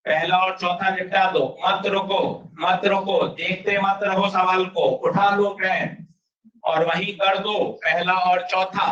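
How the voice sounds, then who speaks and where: Energetic man teaching in an echoey classroom. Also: high-pitched. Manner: energetic, drilling students with rapid questions. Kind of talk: classroom physics lecture. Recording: dull roomy classroom sound from a distance.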